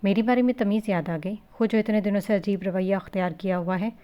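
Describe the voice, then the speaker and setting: A woman reading the part of a sharp, defiant young wife in a storybook reading. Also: mid-range voice, steady tone, fast talker, highs cut off, lightly acted.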